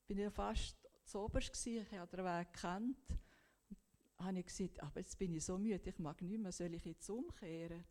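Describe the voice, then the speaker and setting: A woman's voice: mid-range voice, mellow. A woman with a Swiss German accent, earnestly telling a personal faith story and quoting her prayers. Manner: earnest, heartfelt retelling with quoted prayers. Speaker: guest sharing a faith testimony.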